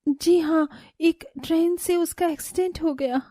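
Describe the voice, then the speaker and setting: A woman's voice: fairly even intonation, measured pace, dry recording, clean studio sound. A woman voicing a young mother posing as a kindly stranger in a cartoon story, speaking in an earnest, sweet way. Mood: gently consoling. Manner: earnest and bright, very high sweet voice.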